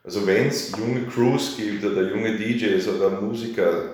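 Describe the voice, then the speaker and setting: A man speaks in a low voice, easy and chatty. He explains his festival with loose, rambling sentences and keeps tossing in little tags to draw agreement. The room around him rings with strong echo. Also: normal speed, darkish tone. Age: 30s. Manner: chatty, filler-heavy, asks for agreement. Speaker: festival organizer. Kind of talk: casual radio interview. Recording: very echoey room.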